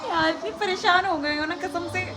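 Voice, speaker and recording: A woman's voice: very high voice, brisk, music in the background. A young woman vlogging live at home beside a window facing a road, irritated and ranting, half laughing. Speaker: family vlogger. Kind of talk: live vlog filmed at home. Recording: noisy home recording with road noise.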